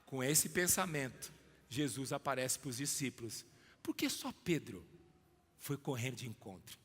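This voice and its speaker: A man preaching a sermon emphatically in a church, calling on listeners by name and swinging from loud to hushed. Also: mid-range voice, sing-song, measured pace, slightly rough, in a large hall. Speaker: pastor.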